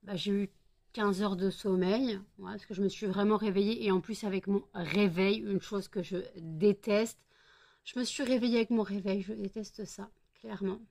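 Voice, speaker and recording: A woman's voice: mid-range voice, fairly even intonation, moderate pace, a little mellow. A French woman vlogging at home, tired and sleepy, chatting casually and talking baby-talk to her dogs.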